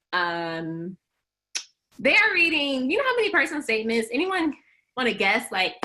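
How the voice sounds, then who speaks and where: Bright-voiced chatty young woman coaching. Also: fairly high pitch. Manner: chatty, animated, heavy use of "like"; laughs between phrases. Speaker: law school admissions coach. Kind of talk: webinar presentation.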